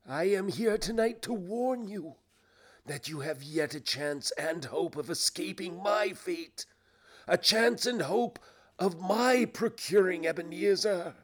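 Storybook phantom: anguished, remorseful, declamatory, pitched high with long drawn-out cries. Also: male voice, animated, full character voice. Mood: urgent, grave warning. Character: tormented male ghost, wailing, preachy, remorseful old business partner. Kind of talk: dramatised reading of a classic ghost story.

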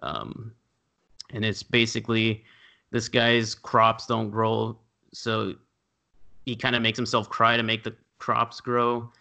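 A man with a fairly low voice and a bright, forceful edge describes films in easy, loose podcast talk. He often pauses to find his words. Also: vocal fry. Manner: relaxed, loosely searching for words. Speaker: podcast co-host. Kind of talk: casual chat.

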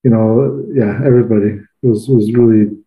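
A man's voice: on the low side, steady tone, normal speed, roomy sound, lo-fi sound. A man co-hosting a podcast, chatting casually about a movie and asking the others questions. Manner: easygoing, asks the others questions. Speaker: podcast co-host. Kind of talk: casual movie review chat.

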